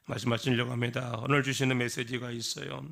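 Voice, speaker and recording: A male pastor preaching a sermon in a lively way, often putting questions to the congregation. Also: medium pitch, a little fast, gravelly. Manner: animated, asks the congregation questions. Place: church.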